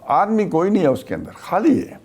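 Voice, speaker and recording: An older man from Pakistan, a retired army officer, recounts a wartime memory in an interview, speaking haltingly with many pauses. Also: high voice, huge pitch swings, a little mellow.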